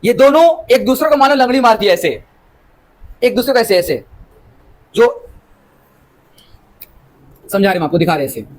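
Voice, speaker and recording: A man's voice: extremely high pitch, big pitch swings, moderate pace, long pauses, poor audio. A man teaching biology in with English terms, lecturing a class and keeping students engaged by asking them rhetorical questions. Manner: explains with homely examples.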